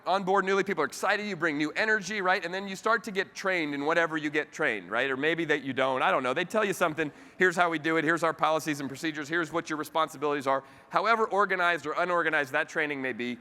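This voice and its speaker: A man giving a motivational keynote speech to a convention audience and telling a family story with animated energy. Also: fairly high pitch. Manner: animated storytelling with the audience, voice rising sharply when telling a funny part. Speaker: keynote speaker. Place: large convention hall. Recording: live hall recording with long reverb.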